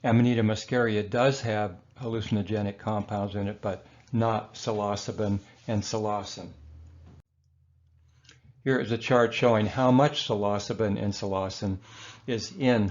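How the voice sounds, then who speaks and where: A man giving a narrated slideshow lecture on herbal medicine in a relaxed, rambling way, with fillers and self-corrections. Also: fairly low pitch, moderate pace, muffled recording.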